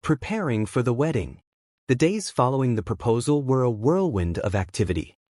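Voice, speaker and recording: A man narrating a scripted folktale as the channel's storyteller, with an expressive reading manner. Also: mid-range voice, fairly quick, no echo, studio quality.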